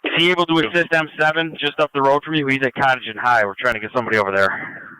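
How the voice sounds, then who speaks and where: A man's voice: mid-range voice, fairly even intonation, very fast, pushed and bright, smooth, no echo, low-quality recording. A man handling police and fire radio traffic in procedural phrases over a two-way radio. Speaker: emergency services radio operator.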